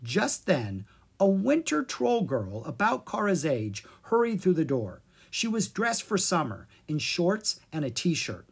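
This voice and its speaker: A woman with a low, slightly raspy voice reads a children's storybook a little slowly. She's expressive and lively, letting her pitch roam freely across each sentence.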